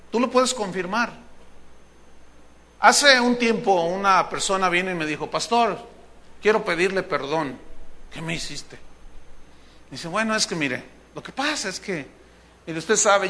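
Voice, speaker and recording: Male pastor, high voice, bright tone, humorous sermon. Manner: humorous, mimics shouting preachers.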